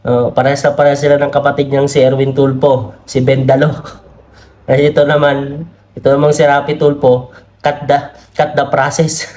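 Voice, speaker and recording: A man's voice: mid-range voice, little pitch movement, normal speed, a little mellow. A man with a Filipino accent giving casual political commentary, chatty and laughing often, reading comments aloud. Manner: chatty, laughs often, many tag questions; reads comments aloud from screen. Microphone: camera mic.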